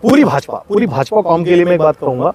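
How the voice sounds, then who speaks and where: A man's voice: high-pitched, sing-song, fast talker, darkish tone. A man speaking as an activist in a street interview, lecturing with passion and repeating phrases for emphasis. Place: outdoors in a crowded public place.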